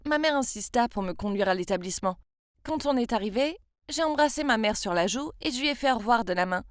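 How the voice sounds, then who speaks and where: Woman in her 20s from France, confiding first-person narration, fairly high voice, dry close sound. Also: dry recording. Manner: confiding, emotional storytelling.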